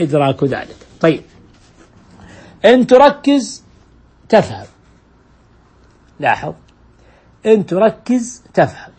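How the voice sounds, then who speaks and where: A man teaches grammar to a class, his voice slightly raised in pitch and somewhat husky. He works through each rule patiently, repeats his examples and keeps asking the students questions.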